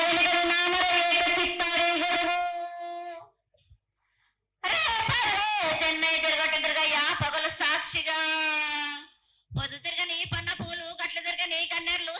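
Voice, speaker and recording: A woman's voice: very high-pitched, sharp tone, roomy sound. A woman with a Telangana Telugu accent speaks as a festival oracle in a prophetic trance, declaiming incantatory, repetitive invocations as a goddess.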